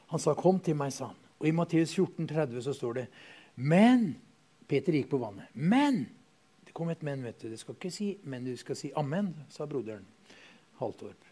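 A man from Norway, preaching a revival sermon and calling out hallelujah as he swings from loud to hushed. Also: fairly high pitch.

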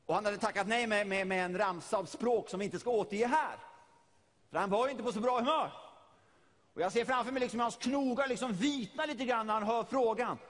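A man's voice: high voice, fairly bright tone, long reverb tail. A middle-aged man from Sweden preaching a sermon, retelling a story vividly and often repeating his words.

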